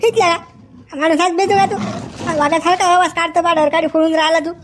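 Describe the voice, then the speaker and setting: A man's voice: very high voice, fairly even intonation, brisk, fairly bright tone, a little hiss or hum. A man playing a bickering Varhadi farmhand. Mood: grumbling. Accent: Varhadi Marathi. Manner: rustic, quarrelsome banter. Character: bickering sleepy village farmhand, male. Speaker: comedy sketch actor. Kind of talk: village comedy sketch. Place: outdoors in a village field.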